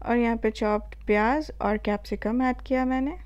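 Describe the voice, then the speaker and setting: High, mellow-voiced Indian woman narrating a recipe. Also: clean tone, lo-fi sound. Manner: calm step-by-step instructions with filler pauses. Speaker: cooking channel host. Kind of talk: voice-over cooking tutorial.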